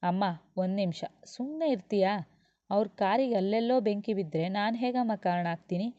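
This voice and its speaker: A woman's voice: medium pitch, normal speed, warm tone, dry recording, muffled recording, natural voice. A woman voicing a defiant young woman lecturer who talks sharply and scornfully.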